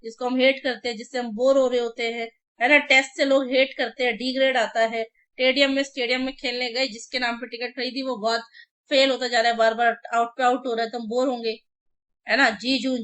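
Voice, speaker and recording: A woman's voice: a little high, level tone, fairly quick, fairly bright tone. An Indian woman, a Hindi speaker, teaching exam vocabulary online, drilling words by repetition with memory tricks. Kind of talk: online exam-prep lesson.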